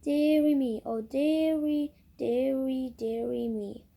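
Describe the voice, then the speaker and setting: A fussing, stammering nurse from a storybook, put on by a woman reading aloud. She repeats her words nervously and bosses people about in a high, unhurried voice with a mellow tone. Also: fairly even intonation, creaky, full character voice. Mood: fussy. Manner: repeats herself in a fussing, stuttering way. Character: fussy, flustered woman nurse.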